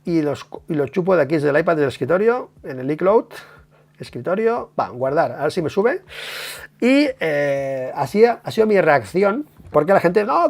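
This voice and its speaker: A man with a Spain Spanish accent, giving a casual, emphatic live stream analysis of a motorcycle race, swearing and tagging his points with quick questions. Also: fairly high pitch, creaky. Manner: animated, emphatic, swears, many tag questions.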